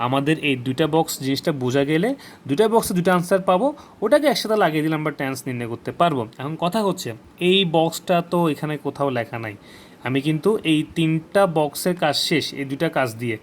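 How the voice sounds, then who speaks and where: A man's voice: on the high side, animated, fast, slight background noise. A man teaching a lesson, speaking colloquially and asking questions, then repeating the answers himself. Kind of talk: explaining a lesson.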